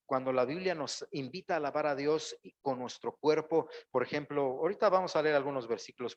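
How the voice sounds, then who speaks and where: A man, a pastor preaching a sermon in a church and calling out to the congregation. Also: mid-range voice. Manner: preaching with rising exclamations and acted-out quotes. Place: church sanctuary.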